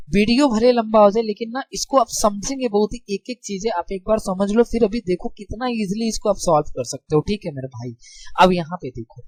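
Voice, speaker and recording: A man's voice: sits high, darkish tone, no echo. A young man teaching a grammar lesson in a casual, friendly way. He keeps asking rhetorical questions and checking that his students follow. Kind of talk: casual classroom explanation.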